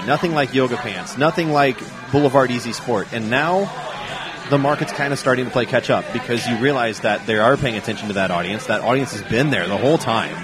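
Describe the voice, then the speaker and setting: A man hosting a casual podcast chat, upbeat and laughing often, talking in long runs. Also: medium pitch. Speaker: podcast host. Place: outdoors at a brewery. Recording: noisy crowd behind. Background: crowd chatter.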